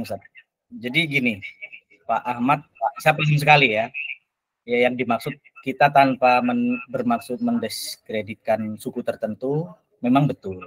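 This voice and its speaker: A man who is a teacher and podcast guest, telling stories in an animated, emphatic way. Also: dry recording, poor audio. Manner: lively, emphatic, with big swings in pitch. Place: studio.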